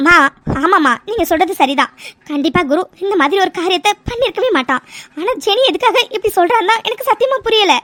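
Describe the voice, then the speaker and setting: A woman's voice: very high-pitched, lively intonation, fairly bright tone. A woman voicing a blunt, loyal young woman who speaks brusquely. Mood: assured. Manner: brusque, quick.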